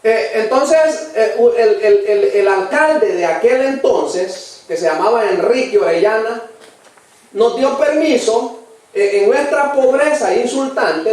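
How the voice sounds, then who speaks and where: A Salvadoran man preaching in a high, earnest voice, pressing each point home and calling his hearers brother. He sounds distant from the microphone, and his words ring through a strongly echoing church. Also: a little mellow. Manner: addresses listeners as brother constantly, earnest and emphatic. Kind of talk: sermon. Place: church hall. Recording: very echoey church, voice from far off the mic.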